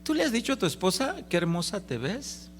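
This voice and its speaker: A man preaching a Sunday sermon in a folksy, joking way, getting loud when he stresses a point. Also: sits high, big pitch swings, fairly quick, slight background noise. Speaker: pastor. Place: church service.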